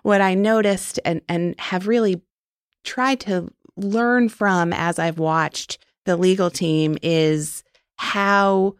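Earnest woman guest; low-set, resonant voice with some fry; warm enthusiasm, casual fillers. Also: no echo, clean studio sound. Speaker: interview guest. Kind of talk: conversational interview answers.

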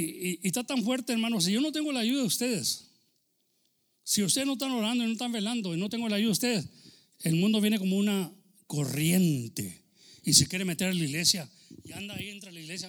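A man preaching a sermon as pastor, swinging between loud exclamations and low asides. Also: brisk.

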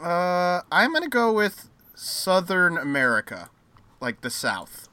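Man, casual game with friends, bright crisp voice, animated, exclaims a lot. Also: high voice, takes it slowly, dry recording. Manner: animated, exclaims when wrong. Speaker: player guessing accents.

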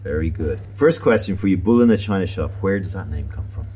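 Low-voiced man hosting over background ambience. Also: animated, brisk, mellow, slight background noise. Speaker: podcast host, interviewer. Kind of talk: casual conversational interview.

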